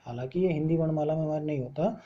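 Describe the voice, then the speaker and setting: A teacher with a very dark, husky voice works through a grammar lesson step by step. He poses a question, answers it himself, and then slowly lists letters one at a time. The audio sounds dull and muffled. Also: mid-range voice.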